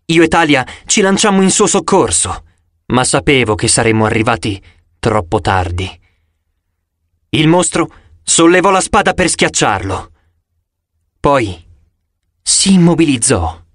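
A male audiobook narrator with a slightly high voice reads a scripted text in a dry, close recording. His delivery is dramatic and expressive, punctuated by sudden loud cries.

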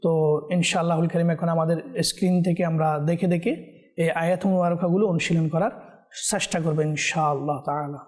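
A man with a high voice teaches Quran recitation in a televised lesson. He speaks straight to the viewers. He draws words out slowly when he shows how they should be pronounced. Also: level tone, darkish tone. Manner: stretches words slowly when demonstrating pronunciation; often addresses viewers directly.

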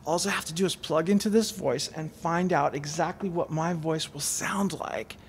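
A woman's voice: low-pitched, moderate pace, a little hiss or hum. A woman hosting a comedy show, delivering a goofy, profane and hyped-up monologue.

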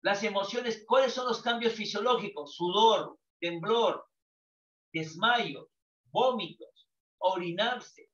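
Speaking slowly in a high-pitched, somewhat bright voice, an older Peruvian man lectures a psychology class. He asks his students questions and then answers them himself. The recording is echoey and distant, with dull lo-fi sound.

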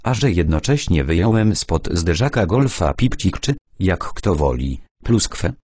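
A man narrating a novel in the first person at a measured storytelling pace. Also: sits low, very animated, a little mellow, slightly rough, no echo, clean studio sound. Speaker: audiobook narrator.

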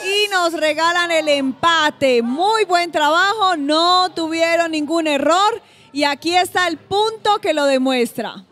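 Very high-pitched woman cheering competitors on. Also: slow, fairly bright tone. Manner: cheering, encouraging, short exclamations. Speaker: game show co-host and commentator. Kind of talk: enthusiastic sports commentary.

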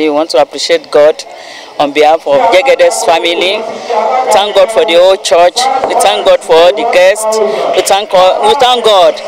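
A middle-aged woman, interviewed at a church harvest, giving measured thanks and quoting scripture into a handheld mic outdoors. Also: on the low side, rough recording. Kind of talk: on-the-spot interview. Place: outdoors beside a church building.

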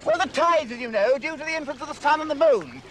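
Older man, very high voice, wind and water noise loud behind him, emphatic. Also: expressive, quick pace. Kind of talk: archive broadcast commentary. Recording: windy outdoor archive recording.

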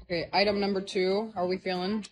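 A woman's voice: medium pitch, little pitch movement, quick pace. A woman narrating a shopping vlog in an upbeat, playful way. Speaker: vlogger.

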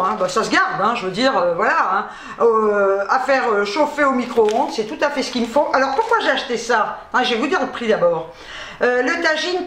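In an echoey room with faint background noise, a vlogger talks casually through her grocery haul. Her voice sits high and a bit bright, and she jokes and laughs frequently amid her fillers.

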